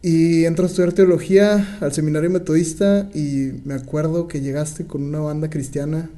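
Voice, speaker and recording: A man, co-hosting a podcast and telling stories in an animated way, laughing often. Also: fairly high pitch, normal speed. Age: 20s. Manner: animated storyteller, laughs often, many fillers. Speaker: podcast co-host. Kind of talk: casual podcast conversation.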